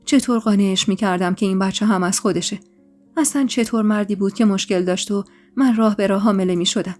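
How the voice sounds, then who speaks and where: A woman storyteller reading a dramatic first-person story in an emotional, expressive way, with faint music behind her. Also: mid-range voice. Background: faint background music.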